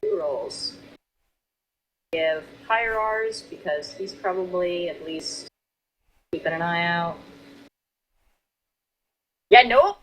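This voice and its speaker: A woman narrating a tabletop game as game master, casually and haltingly, repeating phrases as she goes. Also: on the low side, slight background noise, low-quality recording.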